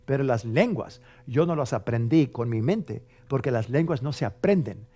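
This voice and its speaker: A man's voice: medium pitch, expressive, normal speed. A man preaching a television sermon as a pastor, emphatic and conversational, often checking in with his listeners and acting out prayer styles. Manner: emphatic, conversational, with frequent rhetorical tags; mimics dramatic prayer voices loudly for effect.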